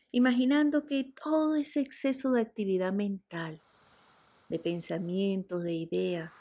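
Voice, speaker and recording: Slow, breathy woman guiding meditation. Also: fairly high pitch. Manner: slow, soft and soothing, with breathy whispered cues. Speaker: meditation guide. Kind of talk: guided relaxation meditation.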